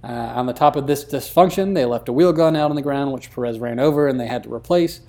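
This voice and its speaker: A man with a mellow, dark-toned voice co-hosts a relaxed motorsport podcast. He reads out the week's news in a dry, easygoing way. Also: medium pitch, fast talker. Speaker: podcast co-host. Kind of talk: casual podcast chat.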